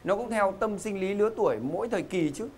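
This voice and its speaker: A man's voice: sits high, expressive, fast talker. Playful male game show host, noisy studio. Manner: joking, teasing, theatrical emphasis. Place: TV studio stage.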